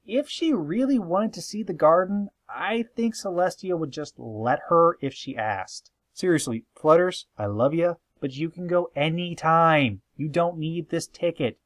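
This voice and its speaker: A man hosts a fan opinion video, delivering scripted commentary in an emphatic, conversational style with playful sarcasm. His voice is fairly high, and he keeps a measured pace with few pauses. The recording has no room sound.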